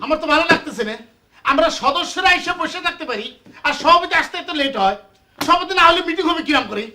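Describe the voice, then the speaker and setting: Brief: a man as a whiny club member, very high, fast voice, music behind. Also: animated, bright, forceful tone, slight background noise, exaggerated voice. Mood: whiny, demanding. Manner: complaining and demanding. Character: whiny, status-hungry young club member.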